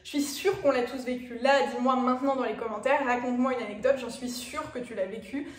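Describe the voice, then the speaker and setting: Talking fast with fairly even intonation, a woman in her twenties from France addresses viewers directly in a chatty vlog, full of fillers. She has a Parisian accent and a voice on the high side, recorded from a distance in a roomy space.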